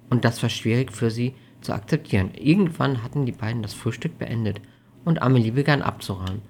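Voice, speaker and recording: Calm, steady audiobook narrator. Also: mid-range voice, slight background noise. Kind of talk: audiobook narration of a romance story.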